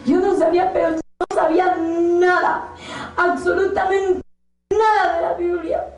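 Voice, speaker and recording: A woman's voice: very high-pitched, fairly even intonation, unhurried, a little mellow. A young woman in her late teens giving an impassioned, tearful testimony sermon as a preacher. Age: young adult. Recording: echoey room, voice from far off, faint music behind.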